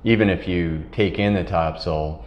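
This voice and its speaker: A middle-aged tall ship captain, recorded on a lapel mic in a wood-paneled cabin, tells sailing stories in a casual, rambling interview, laughing along the way. His low voice moves at a moderate pace, and the audio is roomy and muffled with slight background noise.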